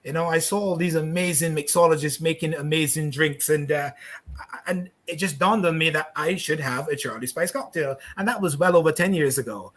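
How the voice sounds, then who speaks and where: A man's voice: a little high, fairly quick, a bit bright. A middle-aged man from Barbados hosting a casual video-call chat, courteous and talkative, stumbling politely over a guest's name. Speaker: host.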